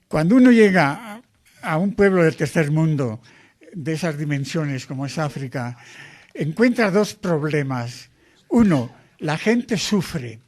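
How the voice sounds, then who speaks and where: An older man, a missionary priest, explaining his work in an earnest, deliberate way during an interview. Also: fairly high pitch.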